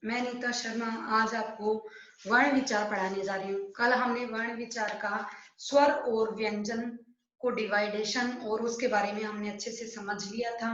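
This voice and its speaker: A woman teaches an online Hindi grammar lesson in a slightly high, a bit bright voice, speaking slowly and patiently as she explains each step and questions her pupils. Heavy echo from a bare room and a dull, muffled, home-recorded sound mark the audio.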